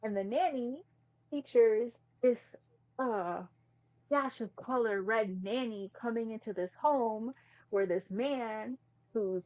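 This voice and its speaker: A woman's voice: medium pitch, no echo. Woman co-host, casual slangy movie rant, dry close recording. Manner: chatty, emphatic, slangy. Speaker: podcast co-host. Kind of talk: casual movie review chat. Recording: slightly muffled, dry mic.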